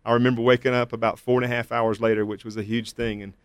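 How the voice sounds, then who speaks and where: A man as an interview guest and father, telling his story in a measured, candid way with hesitant fillers. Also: mid-range voice, little pitch movement, clear, resonant tone, no echo. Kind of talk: reflective personal testimony.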